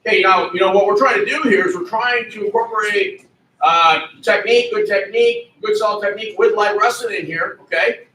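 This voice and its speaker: A man's voice: sits high, a little fast, sharp tone, a little hiss or hum. A man coaching youth wrestling, barking commands and giving a pep talk to the kids. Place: indoor wrestling room. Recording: echoey gym from far off.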